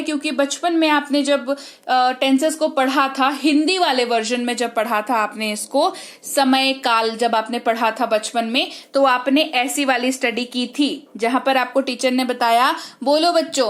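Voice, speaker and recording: A woman with a high voice and an Indian accent teaches an online English lesson. She talks briskly, drills terms one after another and keeps checking that her students follow. Hindi is her first language. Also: steady tone.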